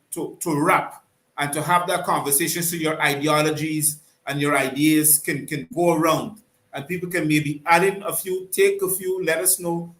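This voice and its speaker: A man hosting a live online call-in talk show, courteous and unhurried, often trailing off and restarting. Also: a little high, fairly bright tone. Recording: roomy echo.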